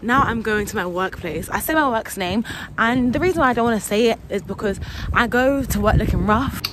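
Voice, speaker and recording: A woman's voice: on the high side, fairly quick, a bit bright, a little hiss or hum. A young woman, chatting casually and rambling to camera in a vlog, often correcting herself. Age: young adult. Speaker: vlogger. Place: at home.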